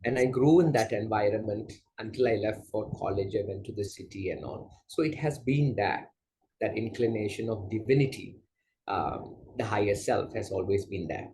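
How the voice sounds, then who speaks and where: A man from Malaysia, a yoga teacher, answering interview questions in a gentle, unhurried way with soft fillers. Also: on the low side, a little hiss or hum, poor audio. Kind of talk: casual interview conversation.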